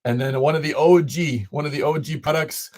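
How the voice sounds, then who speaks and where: A man from Illinois, his voice a little high, steady and darkish, talks fairly quickly in casual livestream chat. He's hosting a live sports card break and greets viewers by name, though his voice sounds slightly off.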